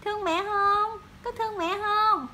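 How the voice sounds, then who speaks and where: A woman's voice: extremely high pitch, steady tone, measured pace, pushed and bright, slight background noise. A mother talks to her baby in coaxing, cooing baby talk at home, asking sing-song questions over and over.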